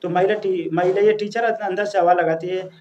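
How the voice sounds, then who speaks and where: A man's voice: sits high, fairly even intonation, a little fast, dark tone, dull audio. A man narrating a story in a casual, chatty way, addressing his listeners as friends, with frequent restarts and fillers.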